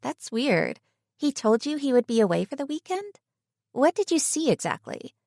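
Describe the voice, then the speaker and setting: A woman reading an audiobook, voicing a caring, sleepy young woman who fires off quick worried questions to her best friend. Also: sits high, big pitch swings, creaky, a little mellow, dry recording, studio quality, pitched above the performer's own voice, exaggerated voice. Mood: concerned. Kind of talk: audiobook character voice.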